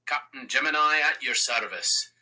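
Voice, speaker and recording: A man's voice: mid-range voice, lively intonation, moderate pace, bright, forceful tone, low-quality recording. An AI voice of a man playing a swaggering, theatrical pirate captain who talks in hearty pirate slang. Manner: pirate slang, playful grandiose delivery. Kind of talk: AI voice role-play.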